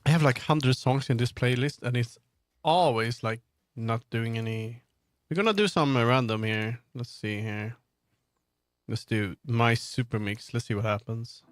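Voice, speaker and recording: This game developer and livestreamer has a mid-range voice and an unhurried delivery, recorded dry at studio quality. He chats casually while working, wandering between thoughts, musing out loud, and frequently leaving sentences unfinished. Background music plays behind him.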